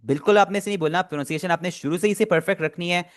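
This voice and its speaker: A man's voice: high voice, racing. A man teaching an online language class, patiently repeating and explaining pronunciation step by step.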